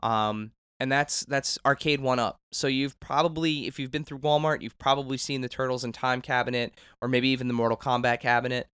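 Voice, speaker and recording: A man's voice: medium pitch, steady tone, a little fast, hardly any pauses, a bit bright, smooth, dry recording. Enthusiastic thirty-something male host, dry sound. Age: 30s. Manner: enthusiastic, chatty, many fillers. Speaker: host, reporter. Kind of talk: casual recap and interview.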